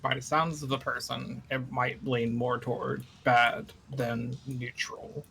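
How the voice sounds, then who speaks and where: A man's voice: mid-range voice, flat delivery, slow pace, gravelly, sharp tone, slight background noise. A man playing a tabletop game, talking loosely and casually, joking and swearing as he recaps and plans. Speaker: player.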